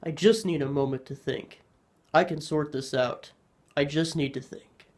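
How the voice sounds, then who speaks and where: A man voicing a ten-year-old boy who speaks with the clear, precise, serious manner of an adult. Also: a little high, steady tone, moderate pace, a little mellow, close to an everyday voice. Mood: urgent.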